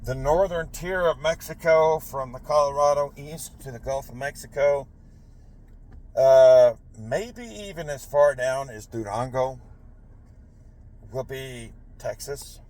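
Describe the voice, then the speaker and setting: A man's voice: mid-range voice, slow pace, a little mellow, poor audio. A man giving a rambling political monologue, often stopping to correct himself. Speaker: political commentator.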